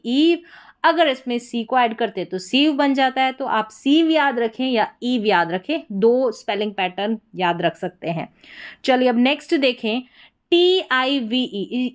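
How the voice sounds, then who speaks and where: A woman teaching an English spelling and pronunciation lesson, spelling words out letter by letter and asking and answering her own questions. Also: high-pitched.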